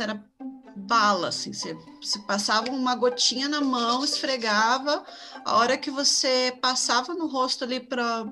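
A woman co-hosting a casual chat, relaxed and descriptive. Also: fairly high pitch.

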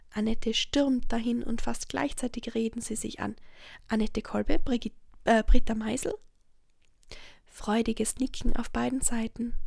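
A woman reading a children's story aloud in a soft, slow whisper, with small slips and restarts. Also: fairly high pitch, vocal fry, dry recording, clean studio sound.

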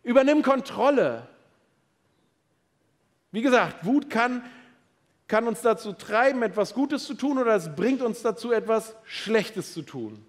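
A middle-aged man preaching a sermon, lively and playful, talking straight to his congregation with questions. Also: very high-pitched, unhurried, long pauses. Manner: lively, playful, addresses the audience directly.

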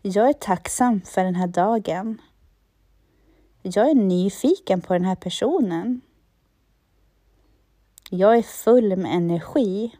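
Woman guide for affirmations, unhurried and soothing, dark mellow voice, dry recording. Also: medium pitch, dry recording. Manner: slow, calm, repeats lines for the listener.

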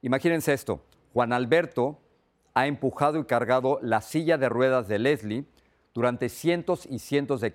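A man hosting a news podcast, interviewing a guest in a slow, deliberate, emphatic way. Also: mid-range voice.

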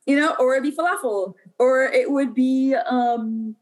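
A young Puerto Rican woman appears as a podcast guest, recounting her life story in a casual, chatty way. Her voice is high-pitched and a little slow, and she uses plenty of fillers and restarts.

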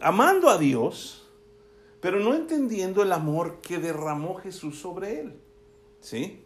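A male preacher with a slightly high voice reads from scripture and then unpacks it in a conversational manner. Throughout the sermon he uses quick tag questions to check in with his audience.

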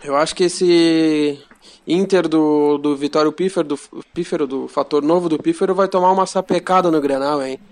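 A man doing explosive football goal commentary with drawn-out shouts. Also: on the high side, fairly even intonation. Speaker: football talk show panelist. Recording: music behind the voice.

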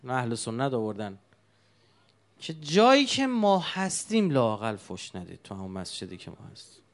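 A man's voice: mid-range voice, very animated. A man preaching a sermon, telling stories with emotion and asking the congregation rhetorical questions.

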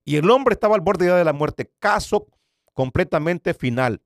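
A man in his fifties, an evangelist pastor, giving a personal faith testimony with dramatic storytelling, repeating words and swinging from loud bursts to hushed near-whispers. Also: sits high, expressive, moderate pace, dry recording, studio quality.

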